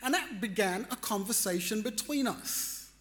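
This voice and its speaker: Man, storytelling talk, animated, reflective, acts out his reactions. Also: high voice, normal speed. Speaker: speaker telling a personal story.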